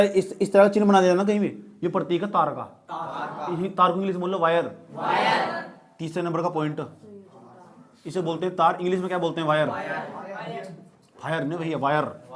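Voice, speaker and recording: High-voiced teacher joking with his class. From India. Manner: joking, talks straight at students, teasing. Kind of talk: classroom lecture.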